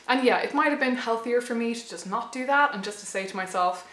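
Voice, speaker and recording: A channel host near thirty shares reflective vlog thoughts at a quick pace, thoughtful but hesitant with many restarts. Her slightly worn voice sits a little high and sounds a bit bright, recorded in an echoey room.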